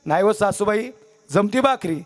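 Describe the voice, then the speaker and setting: A man's voice: sits high, animated, normal speed. A man voicing a newly married young village daughter who is tearful and missing her father, told in a tender, pleading storyteller's voice.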